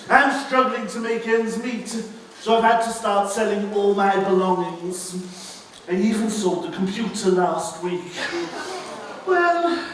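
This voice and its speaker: A man plays a boisterous British pantomime dame, a cheeky, motherly middle-aged village woman with a high, fairly bright voice and a British English accent. Mock-woeful and chatty, she addresses and coaxes the audience in an exaggerated theatrical monologue. The live recording sounds distant, with a roomy, very echoey stage and faint noise.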